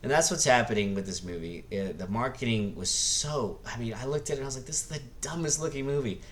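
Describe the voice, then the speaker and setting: This middle-aged man runs a movie review vlog and speaks at a medium pitch over slight background noise. His rambling, casual takes are blunt and full of swearing, and he repeatedly trips over false starts and restarts.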